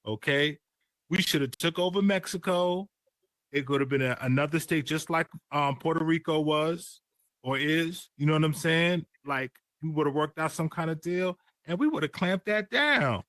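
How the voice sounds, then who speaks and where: A man's voice: a little high, fairly even intonation, moderate pace, fairly bright tone, no echo. An American man in casual conversation, giving his opinions with emphasis.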